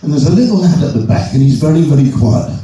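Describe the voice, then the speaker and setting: Male joke teller, rambling and stumbling, deep mellow tone; distant mic in a very echoey hall. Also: animated, fast. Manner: rambling, stumbling restarts, chuckles at own punchlines. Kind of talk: telling jokes to a live audience.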